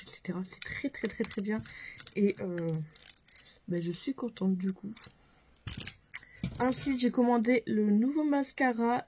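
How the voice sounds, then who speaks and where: A woman's voice: medium pitch, warm tone, a little hiss or hum. A young woman chatting casually through a makeup haul, chatty and full of fillers. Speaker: beauty vlogger.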